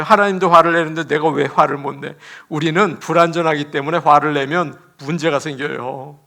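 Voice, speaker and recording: Bright-voiced Korean pastor preaching. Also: male voice, a little high. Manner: animated preaching with laughter and acted quotes. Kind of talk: sermon. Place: church.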